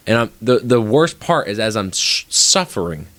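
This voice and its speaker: A young man co-hosting a podcast, telling stories in fast, profane, animated casual chat. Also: fairly low pitch, no room sound. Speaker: podcast co-host.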